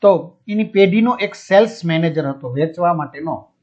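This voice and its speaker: A man's voice: on the high side, moderate pace, darkish tone. A male teacher explaining a textbook chapter, glossing each word with a simpler one and asking and answering his own questions. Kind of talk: explaining a school textbook lesson. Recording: dull lo-fi audio.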